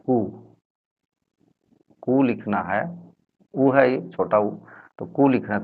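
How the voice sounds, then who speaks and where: Gravelly-voiced man teaching Hindi letters. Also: on the low side. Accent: Jharkhand Hindi. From Jharkhand, India. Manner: slow, repetitive, sounding out syllables. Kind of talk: explaining Hindi letters at a board. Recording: dull lo-fi recording.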